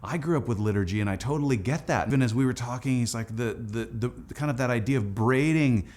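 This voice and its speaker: Speaking quickly at a medium pitch, this slightly mellow male voice recounts how his record came together. The tone is informal and eager, in the style of a musician's video diary, sprinkled with "like" and "dude." The speaker is also an Anglican priest.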